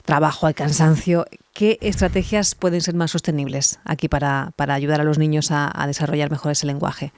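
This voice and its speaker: A woman hosts a podcast interview, posing careful questions and encouraging her guest with short affirmations. Her voice sits slightly low. The recording is dry and close. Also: fairly even intonation, fairly quick, few pauses, darkish tone, no echo. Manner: attentive, asks framing questions with frequent backchannels. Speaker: podcast host.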